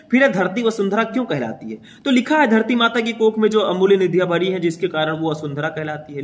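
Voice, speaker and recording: A young male teacher with a slightly high voice walks students through an exam paper in a brisk, reassuring manner. He calls them brother and keeps the class moving with frequent quick check-ins like "okay" and "theek."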